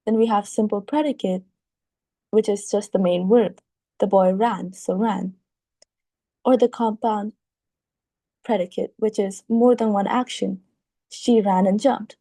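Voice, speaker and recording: A woman's voice: mid-range voice, steady tone, a little slow, long pauses, dark tone, dry recording. A woman explaining grammar to children in a friendly, informal way. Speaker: teacher. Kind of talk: casual explanation for kids.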